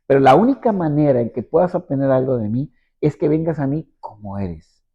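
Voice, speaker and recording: A man's voice: on the high side, expressive, brisk, husky. Brief: male pastor, emphatic repeating sermon style, dull lo-fi sound. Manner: emphatic, repetitive preaching cadence. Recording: dull lo-fi recording.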